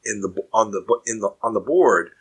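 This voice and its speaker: Bright-voiced man hosting a news podcast. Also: on the low side, expressive, moderate pace, husky, low-quality recording. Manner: reads headlines, then riffs conversationally. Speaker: podcast host. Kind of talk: reading news items and chatting.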